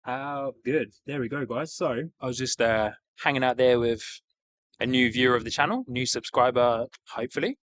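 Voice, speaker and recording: A man's voice: mid-range voice, brisk, fairly bright tone, no echo. A man with a broad New Zealand accent chatting casually as a livestream host, upbeat, matey and enthusiastic. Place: outdoors beside an airport.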